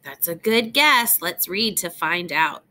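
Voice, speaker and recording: This woman's fairly low voice has lively intonation and sounds pushed and bright. She reads a picture book the way a teacher would, talking directly to young children and shaping each phrase deliberately for them.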